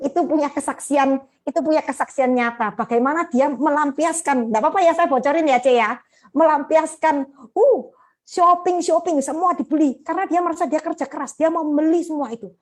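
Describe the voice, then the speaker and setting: Earnest woman giving testimony. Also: fairly high pitch. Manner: earnest, conversational, with frequent fillers. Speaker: women's ministry speaker. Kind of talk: personal testimony in a church talk.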